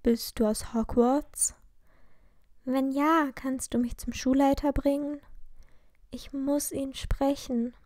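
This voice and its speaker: A woman's voice: sits high, fairly even intonation, takes it slowly, a little mellow, dry recording, studio quality. A woman voicing a tired young girl who has just woken and asks questions. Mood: sleepy. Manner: sleepy, questioning.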